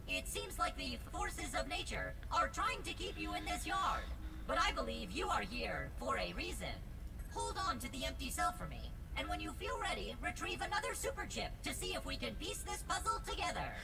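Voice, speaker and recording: A woman's voice: fairly high pitch, huge pitch swings, moderate pace, vocal fry, over music, exaggerated voice, rough recording. A woman voicing a friendly, helpful robot assistant in a game, speaking with a computer-processing machine sound and stiff, formal, polite phrasing. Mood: apologetic.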